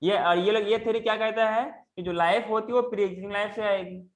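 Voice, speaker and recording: A male teacher giving a lecture in an online class, keeps checking whether students follow and slows down into halting English phrases. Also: sits high, fairly even intonation.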